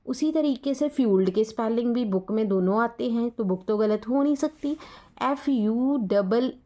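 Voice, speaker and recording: A woman with an Indian accent teaches an English lesson in a somewhat high voice. She explains each point patiently and spells words out letter by letter. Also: normal speed, mellow.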